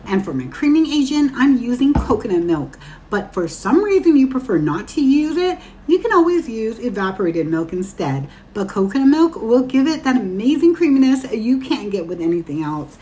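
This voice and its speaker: A woman's voice: a little high, very animated, normal speed, mellow. A woman from Guam hosting a home cooking show, narrating a recipe in a chatty, instructional way and speaking straight to viewers.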